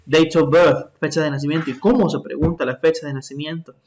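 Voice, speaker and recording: A man, his voice sitting a little higher than most men's. He walks learners through an English lesson in both languages, patiently and step by step, checking in with "ok?" after each point. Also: steady tone, fairly quick, darkish tone, lo-fi sound. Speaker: English teacher. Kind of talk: bilingual classroom lesson.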